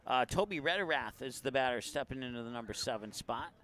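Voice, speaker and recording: A man calls a baseball game play-by-play in an easygoing, chatty way. He fills the gaps between pitches with stories and picks up the pace on the action. He has the hiccups. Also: lively intonation, fairly quick, sharp tone. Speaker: play-by-play announcer.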